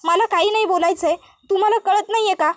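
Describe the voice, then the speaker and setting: Scolding middle-aged mother-in-law, furious, very high voice, read by a woman narrator. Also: fairly even intonation, fast talker, dry recording, clean studio sound. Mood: angry. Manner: scolding, insistent, shrill.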